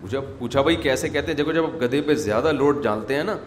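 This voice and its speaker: A man preaching a sermon, telling stories with sharp swings between loud and soft. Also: medium pitch. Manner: animated storytelling with sharp swings in loudness. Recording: echoey hall with faint noise.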